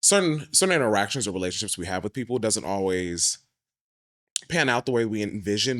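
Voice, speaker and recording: Low voiced podcast cohost guy, thoughtful and measured, dry close sound. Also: fairly bright tone, no room sound. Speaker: podcast co-host. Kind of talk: casual chat.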